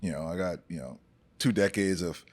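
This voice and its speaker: A man's voice: low-pitched, a little fast, a little mellow. A man in his forties, a podcast guest, speaking in an easygoing way and often repeating and stumbling over his words. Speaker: brand ambassador guest. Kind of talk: casual conversation.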